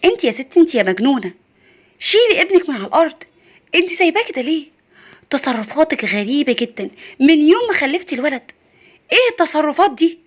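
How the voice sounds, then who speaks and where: A woman's voice: sits high, animated, quick pace, pauses often. Bossy older Egyptian mother-in-law, harsh and nagging, put on by a woman. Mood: scolding. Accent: Egyptian Arabic.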